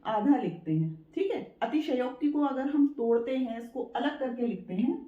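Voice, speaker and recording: A woman teaching a spoken writing lesson, patiently repeating her points, checking in with listeners and sounding out words slowly syllable by syllable. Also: high voice, animated. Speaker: Hindi teacher. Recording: echoey room, dull lo-fi sound.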